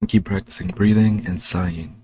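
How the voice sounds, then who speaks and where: Low, flat-voiced man explaining slowly. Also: slight background noise. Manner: slow, unhurried, talking while demonstrating. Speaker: language learning vlogger. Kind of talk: casual spoken tutorial. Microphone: home desk microphone.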